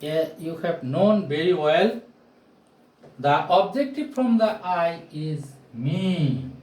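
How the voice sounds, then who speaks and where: At the whiteboard of a small, bare-walled room, a man in his forties who isn't a native English speaker explains grammar with a careful, projected voice, repeating key phrases and asking rhetorical questions. He sounds on the high side, animated, with a darkish tone. The audio comes from a camera or phone mic a few steps away and echoes around the room.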